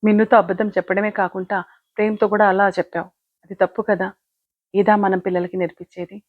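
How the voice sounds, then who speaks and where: A woman's voice: medium pitch, little pitch movement, quick pace, dry recording, lightly acted. Woman voicing a preachy older sister, firm and moralizing, dull dry home recording. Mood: lecturing. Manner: lecturing, moralizing. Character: caring older sister scolding sister.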